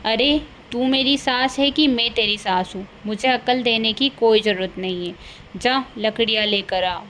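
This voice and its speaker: A woman's voice: on the high side, a little slow, a bit bright, a little hiss or hum. A woman voicing a scolding, greedy older village mother-in-law in a cartoon, bossy and scornful. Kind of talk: cartoon voice acting.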